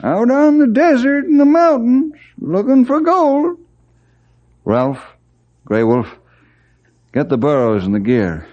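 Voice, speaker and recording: An actor playing a steadfast, plain-spoken forest ranger leader in an old-time radio western, folksy and earnest, on a vintage radio recording. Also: male voice, very high voice, huge pitch swings, slow pace, long pauses, warm tone, dull audio, exaggerated voice. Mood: solemn, reflective.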